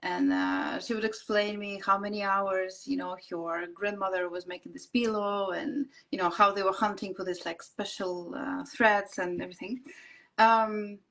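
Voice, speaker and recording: A woman in her forties with a Russian accent, a guest chatting on a video call, full of fillers and quick laughs. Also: medium pitch, fairly bright tone. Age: 40s. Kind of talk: casual interview chat.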